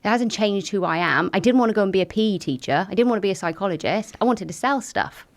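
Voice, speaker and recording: A middle-aged woman, a guest telling her story candidly, frank and lively with lots of fillers. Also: medium pitch, fast talker. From Wales.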